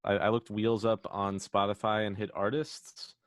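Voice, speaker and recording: A man's voice: fairly low pitch, flat delivery, moderate pace, dry recording. A man co-hosting a comedy podcast, chatting in a laid-back, joking way. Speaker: podcast co-host. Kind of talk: casual comedy chat.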